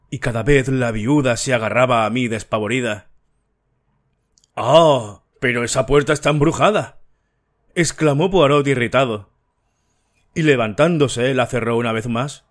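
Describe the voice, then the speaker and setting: A man narrating a mystery audiobook in the first person, in a measured, even storytelling manner. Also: medium pitch.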